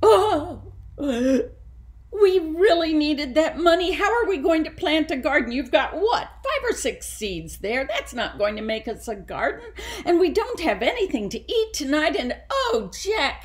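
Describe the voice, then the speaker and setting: A woman's voice: sing-song, unhurried, a little hiss or hum. A woman voicing a poor, distraught mother who scolds her son through tears in a storybook reading. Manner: high, wailing, tearful.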